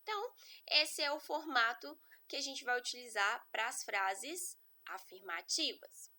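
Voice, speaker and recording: A woman gives an online English lesson in a slightly high, clear and bright voice. She explains slowly and patiently, one step at a time, and often pauses to check that her students are following. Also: animated. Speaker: English teacher.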